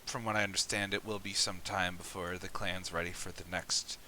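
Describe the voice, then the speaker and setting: Deep voiced guy playing tabletop, bright edge, jokey. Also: little pitch movement, fairly quick, a little hiss or hum, low-quality recording. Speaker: player. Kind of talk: casual chat during a tabletop game.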